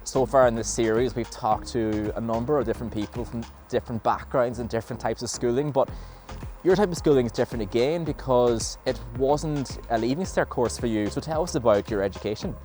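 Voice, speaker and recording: An Irish man speaks as an interviewer in a medium-pitched voice. His delivery is conversational, like a presenter on location, and music plays behind him. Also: brisk, a little mellow.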